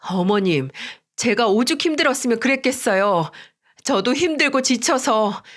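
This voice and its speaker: A woman's voice: on the high side, expressive, moderate pace, a bit bright. A woman voicing a resentful daughter-in-law who answers her mother-in-law curtly and defensively in a radio story drama. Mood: curt defiant. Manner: curt, dismissive and defensive. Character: defiant, resentful young wife and daughter-in-law.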